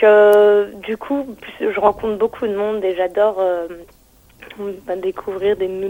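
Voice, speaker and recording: A woman singer calls in to a radio show as a phone-in guest, her mid-range voice thin, tender and a bit retro, with rolled R's. She answers casually but hesitantly, searching for words and repeating herself often, over a dry, band-limited telephone line.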